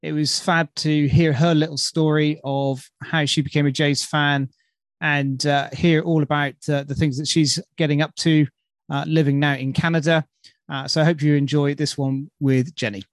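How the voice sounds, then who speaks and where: A man's voice: a little high, flat delivery, normal speed, dry recording. British podcast host, man, very dry sound. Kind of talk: casual chat.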